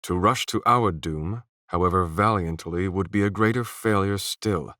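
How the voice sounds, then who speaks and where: A man voicing a solemn male knight who speaks quietly, deliberately and resolutely. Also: low-pitched, dry recording, clean studio sound.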